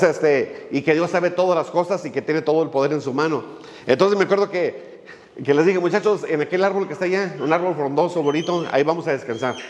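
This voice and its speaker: A man's voice: a little high, in a large hall. A male pastor, preaching a sermon in a folksy way, with many fillers and little jokes as he tells a story.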